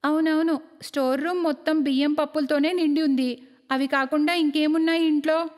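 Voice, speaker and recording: A woman's voice: high voice, steady tone, brisk, a little mellow, long reverb tail, natural voice. A woman voicing a meek but fed-up young daughter-in-law who complains and pleads in a cartoon story. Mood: pleading. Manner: pleading, whiny.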